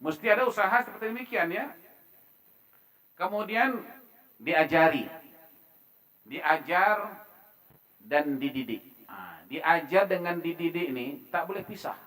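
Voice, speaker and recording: Male religious lecturer, mosque forum talk, slightly high-pitched, animated delivery that jumps from loud stresses to soft asides, acts out little exchanges. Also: measured pace, pauses often, poor audio. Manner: lively preaching, swinging between loud emphasis and quiet asides; acts out everyday dialogue to make points. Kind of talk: Islamic religious talk to a congregation.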